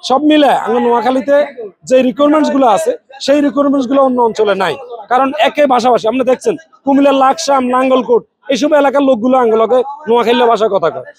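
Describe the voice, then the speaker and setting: A man with a Noakhali Bengali accent speaks proudly in a street interview and rambles through lists of names and places. His voice is very high and moves quickly. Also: crowd noise. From Noakhali, Bangladesh.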